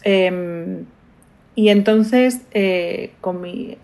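A woman's voice: medium pitch, very slow, a little mellow. A woman from Spain with a Madrid accent, a guest in an interview, talking casually and thinking aloud with many fillers. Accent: Madrid Spanish.

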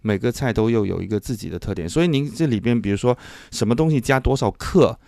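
A man's voice: medium pitch, expressive, fast talker, creaky, mellow, no echo, studio quality. A man from southern China conducts a conversational interview, asking long, meandering questions with hesitations and modest asides. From Chaoshan, southern China.

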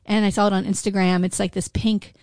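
A middle-aged woman talks as a podcast co-host with a creaky, gravelly voice strained from shouting. She is blunt and casual, swears freely and peppers her talk with "like". The sound is dry and close. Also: medium pitch, flat delivery, a little fast, no echo. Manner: blunt, profane, uses "like" constantly. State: strained throat after a day of screaming. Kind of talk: casual candid chat.

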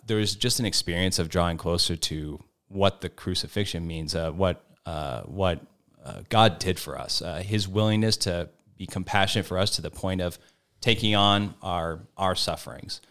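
A man with a very low, deep voice talks slowly and reflectively into a podcast mic. He searches for his words, often pausing on fillers and starting sentences again, in an earnest, conversational way. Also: a bit bright. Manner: thoughtful, searching, many fillers and restarts. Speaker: formator on a podcast panel.

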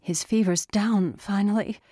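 Distraught mom on phone, loud, high and tearful, read by a woman. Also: measured pace, no room sound, clean studio sound. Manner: loud, breaking into tears. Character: distraught mother on phone, crying.

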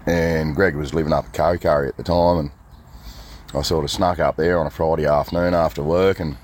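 A man's voice: rumbling low, fairly even intonation, fairly quick, a little mellow, a little hiss or hum. A man with an Australian accent, a guest chatting casually and telling anecdotes in laid-back slang. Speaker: interview guest.

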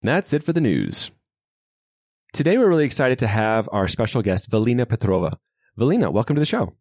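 On his programming podcast, the host offers opinions with lively emphasis and a conversational feel. His mid-range voice moves fairly quickly, captured at studio quality with no room sound.

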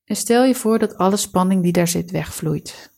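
A woman leading a guided relaxation meditation, giving calm, soothing, measured instructions. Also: lowish voice, gravelly, husky.

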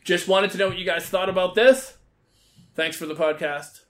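A man's voice: high voice, moderate pace, a bit bright. A man in his forties calling in to a podcast, talking casually and hesitantly, with many ums and restarts. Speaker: podcast caller. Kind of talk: casual chat.

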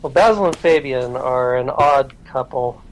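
A man who is a guest on a podcast, talking in a relaxed, self-deprecating way with many fillers. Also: mid-range voice, a little slow, a little hiss or hum, poor audio. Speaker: podcast guest, programmer and writer. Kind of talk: casual interview chat.

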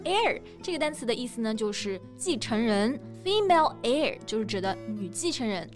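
Higher-voiced woman teaching English. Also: very animated, moderate pace. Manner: explains word meanings step by step. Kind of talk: bilingual language lesson. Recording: faint music underneath.

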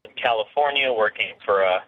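Low-voiced guy on speakerphone from his car, tinny phone line, lots of ums and uhs. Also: brisk. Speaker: caller. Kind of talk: casual call-in chat. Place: in his car on a snowy road.

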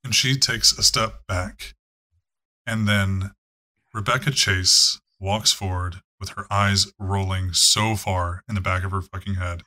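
A man's voice: low-pitched, steady tone, measured pace, pushed and bright. A man narrating a tabletop game as game master, casual and profane, with frequent fillers.

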